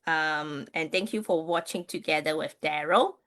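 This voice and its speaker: This livestream host, a Chinese astrology reader from Malaysia with Mandarin as her native tongue, chats casually with her viewers, often using fillers and starting over. Her voice sits low and a bit bright, at a moderate pace.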